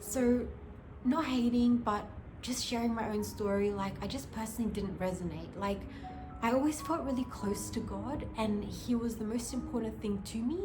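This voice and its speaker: A woman's voice: a little high, normal speed. A young woman from Australia, telling her life story to camera in a casual, earnest way, full of "like" fillers. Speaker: vlogger. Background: music.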